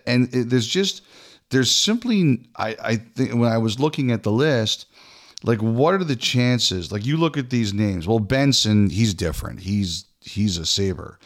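A man's voice: medium pitch, lively intonation, unhurried. A man co-hosting a hockey podcast in casual chat, often repeating words and restarting sentences.

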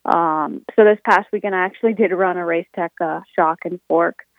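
A young woman answering interview questions over the phone, halting and full of fillers, on a tinny phone line. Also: fairly low pitch, steady tone, dry recording. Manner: halting, filler-heavy speech. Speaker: racing guest.

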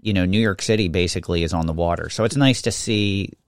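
A man's voice: low voice, fast talker, no echo. A man. He sounds like a podcast co-host in conversation, recorded dry with little room sound. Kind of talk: casual chat.

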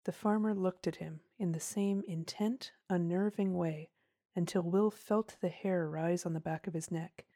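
Warm-voiced woman narrating a storybook. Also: fairly low pitch, no room sound, clean studio sound. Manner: measured, expressive reading. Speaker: audiobook narrator.

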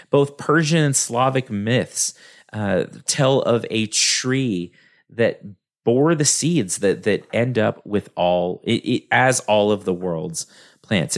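A man with a West Texas drawl giving an informal talk in a halting, conversational way. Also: fairly low pitch. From West Texas, United States. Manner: halting, conversational, self-deprecating asides. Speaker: lecturer.

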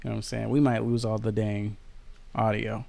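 A man's voice: fairly low pitch, flat delivery, a little fast, vocal fry, mellow, no room sound. A man co-hosting a casual podcast, joking and swearing loosely with his co-host. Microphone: home podcast mic.

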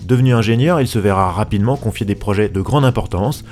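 A car journalist in his forties hosts a podcast interview, talking eagerly and fast while stammering and restarting often. His voice is on the low side and a little mellow, with faint music in the background.

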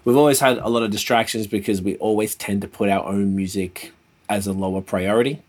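A man's voice: on the low side, fairly even intonation, brisk. A man chatting casually as a podcast host, laid-back, slangy and free with swearing. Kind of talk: casual chat.

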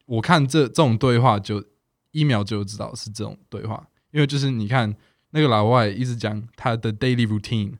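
A man's voice: mid-range voice, a little fast, no echo, clean studio sound. A man, a native English speaker, chatting casually in fluent foreign-accented Mandarin with some English words mixed in. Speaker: podcast guest. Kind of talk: casual chat.

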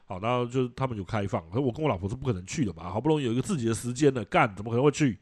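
Man, middle-aged, Taiwanese Mandarin accent, podcast host, casual chat, blunt and profane, animated, quick talker, dry close sound. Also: mid-range voice, dry recording.

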